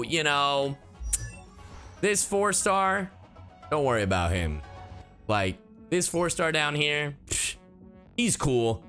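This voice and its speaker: With a sharp, mid-range voice, a streamer and voice actor chats casually with his audience while reacting live. He's slangy and emphatic, repeating himself to hammer points home.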